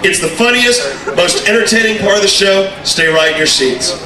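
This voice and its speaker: High-pitched man, stage hypnotist in echoey hall. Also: normal speed. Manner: hypnotist's commanding patter with repeated phrases. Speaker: stage hypnotist, show host. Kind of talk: stage hypnotism show, addressing audience and volunteers. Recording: echoey hall PA from far off, music and crowd. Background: music and crowd noise.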